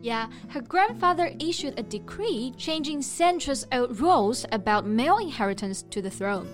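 Woman co-host for an English lesson podcast, fairly high voice, faint music under her. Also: animated, moderate pace. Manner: explains word meanings step by step. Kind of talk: bilingual language lesson.

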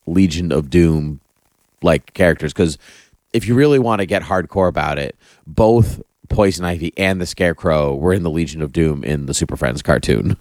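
Male podcast host, deep voice in a dead-dry space, chatty and enthusiastic, leans on repetition. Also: darkish tone, dry recording. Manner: enthusiastic, repeats phrases for emphasis. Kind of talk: casual chat about comic-book TV.

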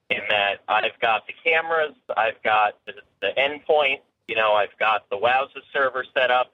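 A man's voice: medium pitch, slight background noise. A man calling into a show on a speakerphone from his car, chatting casually with lots of ums and uhs. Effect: phone line on speakerphone. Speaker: caller. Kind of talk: casual call-in chat. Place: in his car on a snowy road. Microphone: phone on speaker. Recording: tinny phone line from a car.

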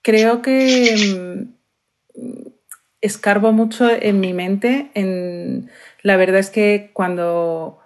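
A woman's voice: mid-range voice, drawn-out words. A woman from Spain with a Madrid accent, a guest in an interview, talking casually and thinking aloud with many fillers. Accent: Madrid Spanish.

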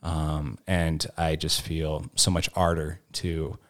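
A man with a very low, deep voice talks slowly and reflectively into a podcast mic. He searches for his words, often pausing on fillers and starting sentences again, in an earnest, conversational way. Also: little pitch movement. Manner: thoughtful, searching, many fillers and restarts. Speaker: formator on a podcast panel.

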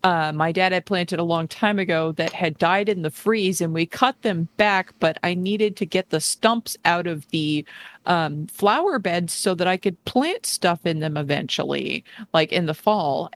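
A woman co-hosting a podcast, telling stories in a casual, rambling and wry way. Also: lowish voice. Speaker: podcast co-host. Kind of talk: casual chat.

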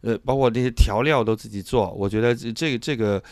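A man's voice: medium pitch, quick pace, a little mellow, no echo. A man from southern China conducts a conversational interview, asking long, meandering questions with hesitations and modest asides. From Chaoshan, southern China.

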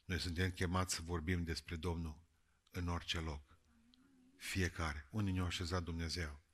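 A man with a deep but bright, cutting voice preaches a sermon to a congregation. He jokes and teases, rising to loud calls and dropping to quiet, earnest words. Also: slightly rough. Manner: lively, jokey, swings between shouting and quiet.

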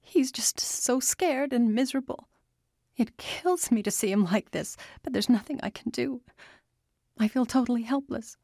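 Distraught mom on phone, loud, high and tearful, read by a woman. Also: measured pace, dry recording, clean studio sound. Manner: loud, breaking into tears. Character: distraught mother on phone, crying.

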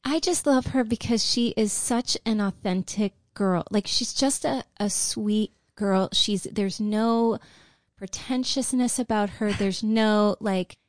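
A middle-aged woman co-hosting a podcast in casual, supportive chat, effusive and quick to agree. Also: medium pitch, dry recording. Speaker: podcast co-host.

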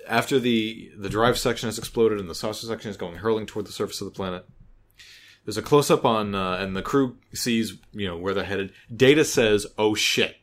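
A man in his thirties hosting a podcast, talking in a casual, animated way, swearing freely and restarting often. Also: lowish voice, a little fast. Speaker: podcast host. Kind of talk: casual chat.

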